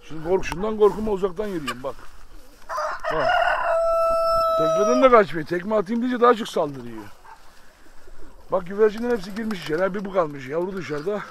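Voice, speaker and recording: A man's voice: high-pitched, lively intonation, a little fast, pauses often, background noise. A man chatting casually to viewers while tending and coaxing his animals outdoors by a chicken coop, by turns fond and scolding. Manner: coaxing pet talk, scolding outbursts. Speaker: vlogger feeding his animals. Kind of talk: casual farm vlog chat to viewers. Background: rooster and chickens, birds.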